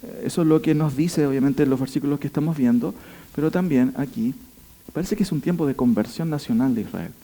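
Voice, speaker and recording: A man's voice: mid-range voice, brisk, mellow. A man teaching a Bible study, pressing his points with rhetorical questions and emphatic stress. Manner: asks the listeners rhetorical questions.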